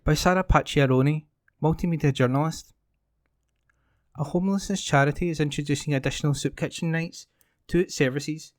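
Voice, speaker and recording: A man's voice: fairly high pitch, dry recording. Man reading news in a dry room. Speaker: volunteer newspaper reader. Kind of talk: reading news articles aloud.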